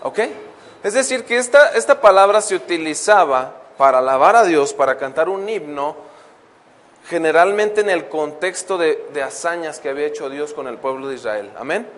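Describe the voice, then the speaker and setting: A man with a fairly high voice teaches a Bible lesson from the pulpit. He reads scripture slowly and keeps turning to the congregation with questions. His words ring out with a long reverb, as in a church hall. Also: lively intonation, fairly bright tone. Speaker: preacher.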